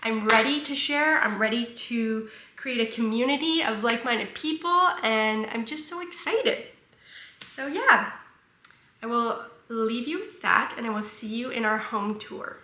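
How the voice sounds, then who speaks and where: A young woman chats playfully with her viewers in a home vlog, confiding and upbeat. Her voice is bright and sits a little high. The sound bounces around an echoey room in her apartment. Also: unhurried. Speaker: vlogger.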